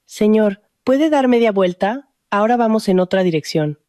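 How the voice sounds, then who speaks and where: A woman's voice: medium pitch, moderate pace, no room sound, studio quality, close to an everyday voice. A woman voicing a playful, joking young woman friend in a storybook reading, speaking in a teasing way. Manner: teasing, lively.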